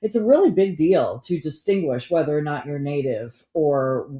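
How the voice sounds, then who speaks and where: A woman's voice: low-pitched, lively intonation, moderate pace, dark tone. A woman co-hosting a podcast in casual, storytelling conversation, recorded in a roomy-sounding space. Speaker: podcast co-host.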